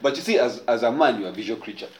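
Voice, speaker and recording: Male podcast host, casual and profane, animated pitch. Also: racing, roomy sound. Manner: loose, profane, laughing often. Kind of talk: casual group chat.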